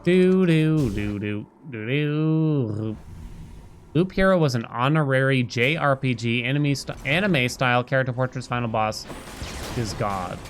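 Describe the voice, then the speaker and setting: Over loud game music, a middle-aged man chats his way through commentary on a live game stream. He speaks unhurriedly at medium pitch with lively intonation, rambling, thinking aloud and humming bits of nonsense melody.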